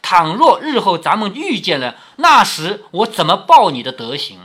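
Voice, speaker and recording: A man's voice: high voice, big pitch swings, moderate pace, sharp tone, husky, exaggerated voice. A man voicing a desperate, sick young maid who tearfully pleads and promises to repay a kindness. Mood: tearful pleading.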